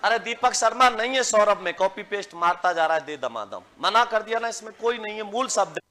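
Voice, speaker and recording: High, bright male Hindi grammar teacher. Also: animated. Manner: slow, repeats rules for students to write down. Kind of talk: classroom lecture.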